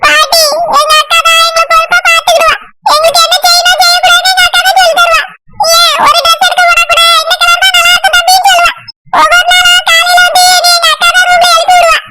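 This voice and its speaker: A woman's voice: extremely high pitch, flat delivery, quick pace, very noisy. A woman doing a weepy cartoon boy, Sekar. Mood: pleading. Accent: Kanyakumari Tamil. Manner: weepy, pleading, loud. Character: tearful young village brother.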